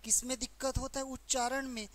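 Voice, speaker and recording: A woman's voice: high-pitched, flat delivery. A woman teacher with a Hindi accent explaining English verb forms in a grammar lesson, asking questions and repeating each answer. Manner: slow, repetitive explaining with questions to students. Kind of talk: exam-prep grammar lesson.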